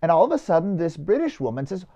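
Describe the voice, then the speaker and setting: Priest telling a story in a homily. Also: male voice, on the high side, big pitch swings, fast, dark tone. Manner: conversational, with filler "uh" and restarts.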